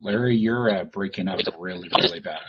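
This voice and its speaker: A man's voice: low-pitched, fairly quick, husky. A man moderating a virtual panel, talking conversationally with plenty of fillers as he wraps up the session. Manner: conversational, filler-heavy wrap-up. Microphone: video call. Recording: muffled video call audio.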